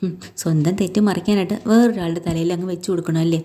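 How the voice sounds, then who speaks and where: A woman's voice: lowish voice, fairly even intonation, fast, natural voice. A woman voicing an angry middle-aged woman who snaps at her mother-in-law in a storytelling video. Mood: indignant. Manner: sharp, quarrelsome.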